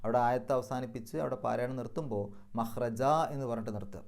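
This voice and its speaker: A man teaching Quran recitation rules in a methodical lesson, slowing down to recite and stretch example phrases. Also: mid-range voice, fairly even intonation, creaky, a little mellow. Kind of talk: tajweed lesson.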